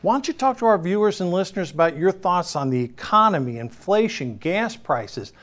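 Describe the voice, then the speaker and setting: A man's voice: sits high, expressive, normal speed, a bit bright. A man hosting a political talk show, asking questions with frequent fillers and restarts. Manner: hesitant, many fillers and restarts. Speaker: show host.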